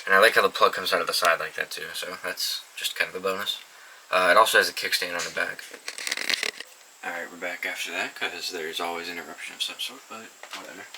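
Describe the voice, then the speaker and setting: A young man shows off his weather radio collection in a casual show-and-tell vlog, rambling and swearing freely in an indoor room. Captured on a camera mic, his low, fairly even voice moves briskly against a noisy background.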